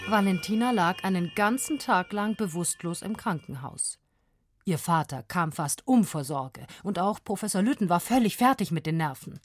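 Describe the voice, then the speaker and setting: A woman narrating a story in an expressive, lively storytelling voice. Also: on the low side, normal speed.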